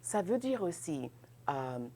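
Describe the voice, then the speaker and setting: Slow, gravelly-voiced woman teaching French. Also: on the low side, very animated, warm tone, a little hiss or hum. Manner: slow, patient, checks in with "n'est-ce pas" and "ok". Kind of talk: grammar lesson at a board, mixing French and English.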